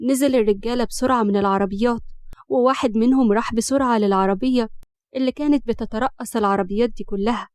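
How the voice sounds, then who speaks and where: Fast-reading Egyptian woman narrator. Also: fairly high pitch, darkish tone, no room sound. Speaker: story narrator. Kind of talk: scripted narration of a romance story.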